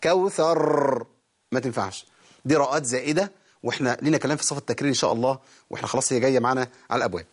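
A man with an Egyptian Arabic accent teaching Quran recitation rules, explaining quickly and then drawing words out slowly to demonstrate. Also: mid-range voice, breathy edge. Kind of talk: live call-in tajweed lesson.

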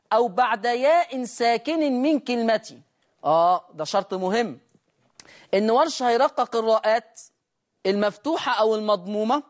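A man with an Egyptian Arabic accent teaching Quran recitation rules, asking himself questions and answering them, with slow, drawn-out demonstrations of the sounds. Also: very high-pitched. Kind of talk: recitation lesson. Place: teaching room with a board.

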